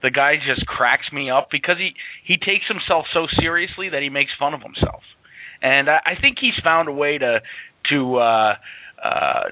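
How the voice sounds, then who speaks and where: A man's voice: mid-range voice, no room sound. A man co-hosting a radio talk show, chatting casually and laughing easily. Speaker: co-host. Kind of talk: casual chat. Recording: tinny phone-like line, dry.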